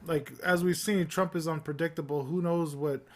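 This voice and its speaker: Rambling man, slightly high voice. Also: moderate pace. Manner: rambling, many fillers and restarts, relaxed. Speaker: podcast co-host. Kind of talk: casual political discussion.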